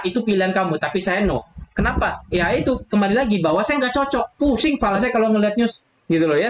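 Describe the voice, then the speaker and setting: A man giving a chatty, casual trading lesson, repeating filler phrases and acting out quotes. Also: high-pitched. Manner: chatty, repeats "gitu loh", acts out quotes. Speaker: trading educator. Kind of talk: casual lecture to viewers. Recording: echoey room with faint noise.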